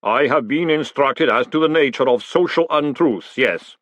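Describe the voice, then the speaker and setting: Man doing a slow, rumbling golem. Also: a bit bright, no room sound, lightly acted. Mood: impassive. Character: huge clay golem, calm and impassive.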